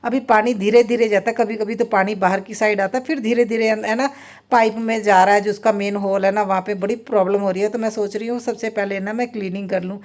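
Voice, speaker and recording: A woman's voice: mid-range voice, steady tone, fast talker, darkish tone. A woman in her thirties, a mother and vlogger, chatting through a casual voice-over about her day at home. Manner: chatty, rambling, many fillers. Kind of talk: casual voice-over vlog narration. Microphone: phone voice-over.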